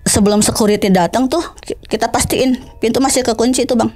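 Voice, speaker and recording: A woman's voice: quick pace, soft background music. A woman telling a spooky story from her own life in casual slangy talk, acting out both sides of the dialogue. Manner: slangy, lively, acts out dialogue, climbs high when tense. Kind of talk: casual spoken ghost story.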